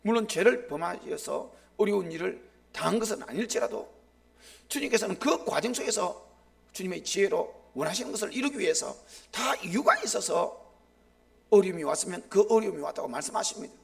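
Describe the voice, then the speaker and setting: A middle-aged man preaching a live sermon as a pastor, impassioned, swinging sharply between loud and hushed. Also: sits high, lively intonation, a little fast, gravelly.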